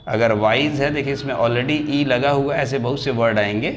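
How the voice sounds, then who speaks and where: A man, an English teacher giving a grammar lesson, who slows down and stretches example words to spell them out. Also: mid-range voice, slight background noise. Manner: addresses students warmly as dear children.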